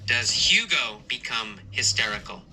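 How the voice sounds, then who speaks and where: A male teacher telling a story as a lesson, asking simple questions and answering them himself, slowly and with emphasis. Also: mid-range voice, expressive, heavy background noise. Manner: slow, repetitive, emphatic questioning. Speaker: English teacher.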